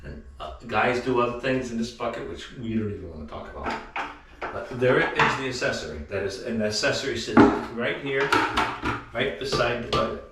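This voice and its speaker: A man's voice: medium pitch, moderate pace, background noise. Dry-joking man in an echoey room. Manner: dry, rambling self-mocking humor. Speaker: home remodeler. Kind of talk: casual joking vlog. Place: room of a house under remodel. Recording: echoey bare room, mic at a distance.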